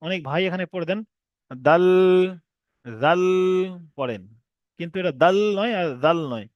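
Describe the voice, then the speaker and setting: A man teaching an online reading class, who explains patiently and drags out each letter name slowly. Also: fairly high pitch, lively intonation, no echo, highs cut off. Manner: explains patiently, repeats letter names slowly with long drawn sounds. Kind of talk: recorded online class lesson.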